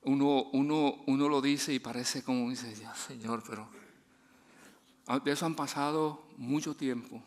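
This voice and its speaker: A man in the pulpit, preaching by telling a story. He chuckles, stumbles through restarts, then lowers his voice to a soft, earnest tone. His pitch sits in an ordinary middle range. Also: steady tone, a little slow. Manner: chatty, laughing, many restarts; drops soft and low when preaching. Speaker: guest preacher. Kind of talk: storytelling sermon.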